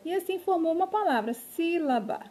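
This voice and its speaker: A woman's voice: sits high, measured pace, mellow. A woman teaching a remote lesson to young children, spelling out syllables one at a time and checking in often to see if they follow. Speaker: primary school teacher.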